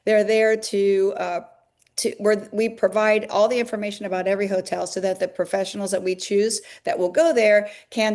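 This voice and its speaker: A woman's voice: medium pitch, darkish tone. A woman, a longtime fitness business owner, explaining her company at length in an interview, with many fillers. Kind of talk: interview answers.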